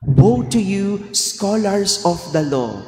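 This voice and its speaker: Man, Filipino accent, priest, homily, slightly high voice, cathedral echo, echoey church hall. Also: lively intonation, a little mellow. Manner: slow and deliberate, quizzing the congregation. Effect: cathedral echo with long reverb. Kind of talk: homily during Mass. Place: large church.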